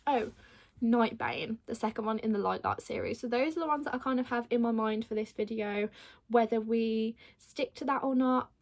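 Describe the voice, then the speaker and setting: Chatty young woman, fairly high voice. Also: moderate pace, gravelly, rough recording. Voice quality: slight lisp from a retainer. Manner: chatty, upbeat, many fillers; quiet, low-key late-night talk. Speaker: book vlogger. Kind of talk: casual reading vlog chat.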